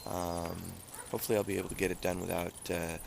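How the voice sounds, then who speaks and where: Male vlogger, casual and low-key, slightly halting delivery, recorded with clear background noise. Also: flat delivery. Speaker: running vlogger. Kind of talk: casual vlog chat, standing at home before and after a run.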